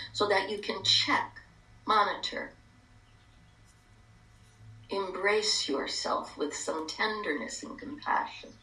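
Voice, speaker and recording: An older woman leading a guided meditation in soft, gentle, hushed phrases with pauses. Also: sits low. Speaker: meditation leader. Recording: echoey room, distant mic.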